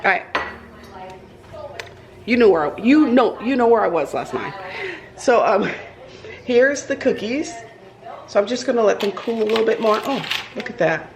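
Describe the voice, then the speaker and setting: A woman's voice: fairly high pitch, lively intonation, normal speed, long pauses, a crowd in the background, rough recording. A woman chatting casually in her home kitchen as she bakes cookies for her vlog, rambling with many fillers and restarts. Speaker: vlogger. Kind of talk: casual baking vlog chat.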